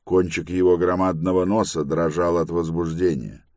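A man narrating an audiobook in a measured, even reading on a close studio mic. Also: low-pitched, no room sound.

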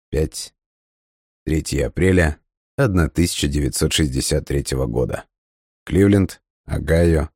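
A man with a very low, deep voice reads a first-person story aloud. His delivery is steady and measured, and the recording is close and dry with no room sound. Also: no echo. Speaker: audiobook narrator. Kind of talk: scripted first-person narration.

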